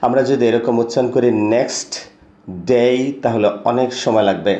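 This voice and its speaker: A man with a Bengali accent teaching English pronunciation in a video lesson, reading lines slowly for students to repeat. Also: medium pitch, fairly even intonation, mellow, roomy sound, highs cut off. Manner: slow, drawn-out model reading of English lines, quick explanations in between.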